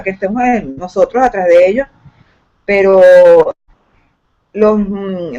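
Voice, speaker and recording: A woman teacher speaking in an online class, hesitant with many fillers and restarts, over a video call microphone. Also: mid-range voice. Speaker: computer science teacher. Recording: dull lo-fi call audio.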